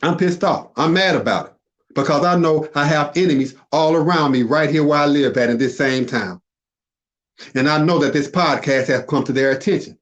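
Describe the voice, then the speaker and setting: A man's voice: a little high, moderate pace, fairly bright tone. A man, a podcast guest, delivering an impassioned religious warning full of rhetorical questions and emphatic repetition. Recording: dull lo-fi audio.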